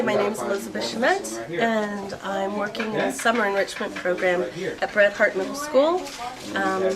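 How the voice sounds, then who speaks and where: A female teacher describing her summer class curriculum in a steady, measured way. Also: mid-range voice. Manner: steady, measured, a few fillers. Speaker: teacher of deaf students. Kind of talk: explaining a program to camera. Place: busy school classroom. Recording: loud classroom chatter behind. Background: loud chatter of students.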